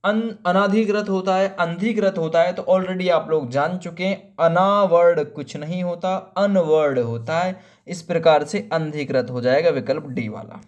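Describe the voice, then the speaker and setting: A man teaching a spelling lesson for exam preparation, asking rhetorical questions, drawing out words letter by letter and calling viewers friend. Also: sits high. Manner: explains each option, asks rhetorical questions; familiar, calls viewers friend and brother.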